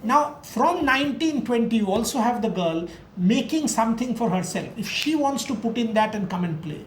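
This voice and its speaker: A woman speaks emphatically in a casual talk, stacking rhetorical questions and repeating her words. The room rings with a clear echo. A faint hiss of noise sits under her voice. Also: on the high side, animated, moderate pace. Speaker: cricket discussion host. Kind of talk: casual discussion.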